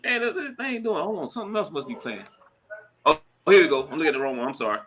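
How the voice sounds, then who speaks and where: A man hosting a casual live stream, talking in a slangy, chatty way and giving shout-outs. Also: a little high, lively intonation, rapid-fire. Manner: slangy and chatty, full of "you know what I'm saying" and shout-outs. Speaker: host of a crypto live stream. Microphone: computer mic at a laptop.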